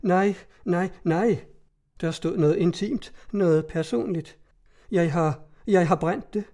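A man's voice: high voice, mellow. A man voicing a frightened young woman who pleads in a trembling, hesitant voice. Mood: hesitant, evasive.

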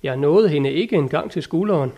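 A man's voice: on the high side, lively intonation, warm tone, dull audio. A man voicing a plain, earthy squire in an audiobook, answering in a blunt, matter-of-fact, folksy way. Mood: dry. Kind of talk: audiobook character reading.

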